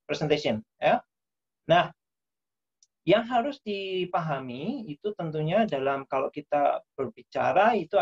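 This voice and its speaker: A man's voice: on the high side, husky. A man giving a casual online workshop lecture, full of fillers and tag questions. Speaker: workshop presenter. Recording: dull lo-fi online call audio.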